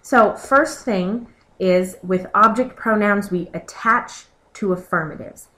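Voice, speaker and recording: A woman's voice: mid-range voice, slow, sharp tone. A woman teacher narrating a recorded slideshow lesson, explaining step by step and pointing to examples on the slides. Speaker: Spanish teacher.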